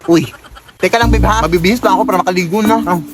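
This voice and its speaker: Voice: medium pitch, very fast. A comedy sketch performer switching between characters with exaggerated comic delivery. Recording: loud background music.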